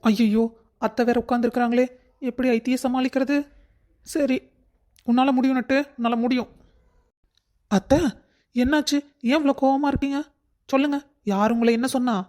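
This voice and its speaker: A woman's voice: sits high, fairly even intonation, normal speed, long pauses, dark tone, natural voice. A woman voicing a crafty young daughter-in-law in a cartoon story. She sweet-talks and puts on tearful pleading. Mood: scheming. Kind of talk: cartoon voice acting.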